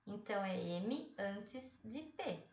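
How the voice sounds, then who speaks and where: Slow, patient woman teacher in a roomy space. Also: mid-range voice, animated, darkish tone. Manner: explains step by step, often checks in with "né?" and "tudo bem?". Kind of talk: slow, patient spelling lesson for children. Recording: roomy, dull sound, distant from the mic.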